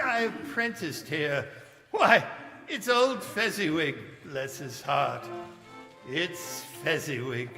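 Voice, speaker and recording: An actor playing Scrooge, a wistful old man, in a halting, exclamatory stage radio-play style. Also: fairly high pitch, full character voice. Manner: halting, exclamatory, drawn-out delivery. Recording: echoey hall, long reverb, live stage.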